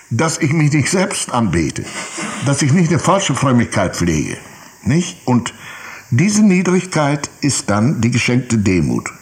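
An older man, a pastor, preaching a sermon and telling personal stories, often adding "nicht?" and acting out the voices of people he quotes. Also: medium pitch. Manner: lively storytelling, acts out quoted voices, frequent tag "nicht?".

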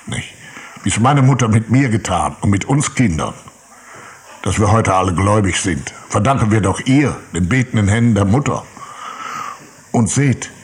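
Older male preacher, animated storyteller who plays out quoted voices in his sermon. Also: lowish voice, normal speed, long pauses. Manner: lively storytelling, acts out quoted voices, frequent tag "nicht?". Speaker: pastor. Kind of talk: sermon with personal anecdotes.

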